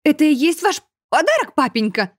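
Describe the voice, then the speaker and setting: A woman's voice: on the high side, expressive, a little slow, mellow, husky, no room sound, studio quality. A woman voicing a bold, defiant seven-year-old girl in an audiobook.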